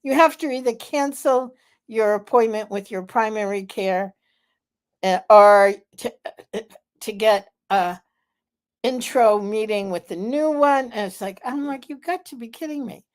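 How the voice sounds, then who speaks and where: A woman in her seventies hosting a live vlog, telling a story in a slow, chatty way with many fillers. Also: a little high. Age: 70s. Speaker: vlog host. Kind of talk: casual live vlog chat.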